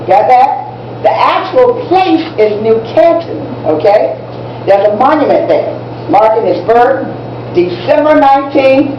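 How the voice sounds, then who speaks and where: On stage in a live public performance, a woman plays an excitable teacher lecturing students ahead of a contest, emphatic and repetitive and checking they follow. Her voice is fairly high and natural. The recording is echoey, distant, muffled and noisy.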